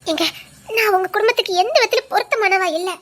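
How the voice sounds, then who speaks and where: A woman's voice: very high-pitched, fast talker, a bit bright. A woman voicing an anxious but firm young wife who scolds and worries. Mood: worried.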